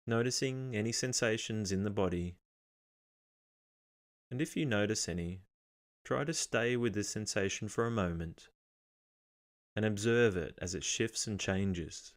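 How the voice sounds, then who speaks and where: Acting as the guide, a man with a lowish voice narrates a guided meditation. He sounds calm, measured, and instructional, pausing as he goes.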